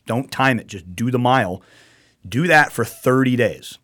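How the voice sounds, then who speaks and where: A man's voice: medium pitch, expressive, unhurried, a bit bright. A man hosting a casual talk show, rambling and repeating himself with emphasis and the odd swear word. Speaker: show host.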